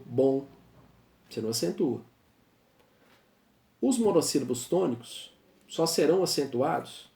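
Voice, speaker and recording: A man teaching a grammar lesson, patiently explaining rules and repeating examples slowly. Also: a little high, vocal fry, darkish tone. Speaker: Portuguese teacher. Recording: echoey room.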